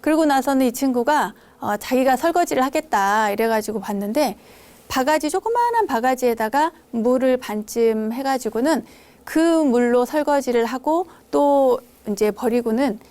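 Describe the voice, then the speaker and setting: Nun giving a dharma talk, tells stories and acts out the scolding bits, pitch on the high side. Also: female voice, expressive, moderate pace. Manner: warm storytelling, acts out quoted scolding. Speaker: Buddhist nun host.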